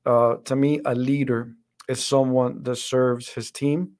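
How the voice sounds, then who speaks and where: Earnest man speaking in a flat tone. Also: mid-range voice, a little slow. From Dominican Republic. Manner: earnest, reflective, many restarts and fillers. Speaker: podcast guest, center director. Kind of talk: interview conversation.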